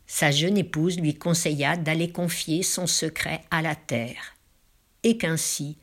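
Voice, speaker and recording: A woman storyteller with a low, slightly rough voice tells a folk tale. Her phrasing is slow, drawn-out and dramatic, and she drops into hushed whispers for emphasis.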